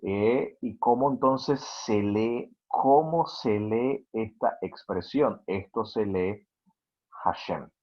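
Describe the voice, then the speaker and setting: A man giving a slide lecture on Hebrew words, checking in with listeners through frequent asides, hesitating with fillers and spelling words out slowly. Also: lowish voice, lo-fi sound. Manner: hesitant, with many "eh" fillers and restarts.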